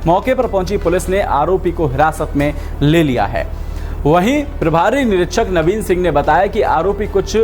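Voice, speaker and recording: Slightly high-voiced male news anchor. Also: normal speed, a little hiss or hum. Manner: formal, steady bulletin delivery. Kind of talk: scripted news reading. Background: faint background music.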